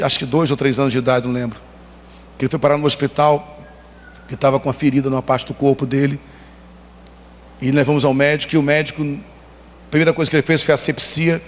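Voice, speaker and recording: A Brazilian-accented pastor preaches with a fairly high voice, telling personal stories with emphatic, animated feeling. His voice rings through a church hall with a long reverb. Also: slight background noise. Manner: emotional storytelling, emphatic and animated. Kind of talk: sermon.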